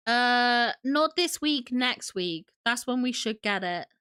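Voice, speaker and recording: A woman's voice: on the high side, animated, takes it slowly, pushed and bright, clear, resonant tone. A young woman hosting a casual livestream, sniffly from a cold, gushing and chatty as she greets viewers. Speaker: livestream host.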